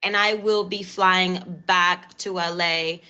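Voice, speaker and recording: This woman's voice sits lowish and sounds steady, slow, sharp, clear and resonant, though the high frequencies are cut off. She is a Cuban in her thirties with a Cuban Spanish accent who hosts a live stream talk show, gushing and chatting and repeating her thanks.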